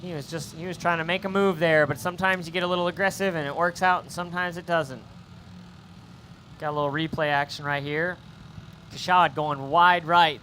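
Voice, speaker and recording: A man giving live play-by-play commentary at a drift event, excitable and jokey. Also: on the high side, slight background noise.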